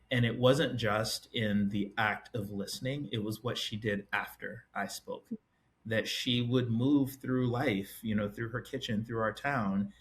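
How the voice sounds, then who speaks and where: A middle-aged man from Liberia, an educator and author, speaking as a podcast guest in a thoughtful, measured way with frequent ums. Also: fairly low pitch, a bit bright. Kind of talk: reflective interview talk.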